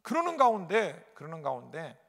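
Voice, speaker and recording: High-pitched pastor. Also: male voice, huge pitch swings, normal speed, creaky. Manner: dramatic storytelling with sudden loud outbursts and repetition. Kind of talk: sermon with personal testimony. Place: large church sanctuary. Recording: echoey church hall.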